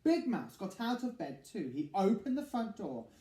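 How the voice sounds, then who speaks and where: Male children's story reader: high-pitched for a man, slow, theatrical, dramatic pauses, echoey room. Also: very animated, mellow. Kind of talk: expressive picture-book narration.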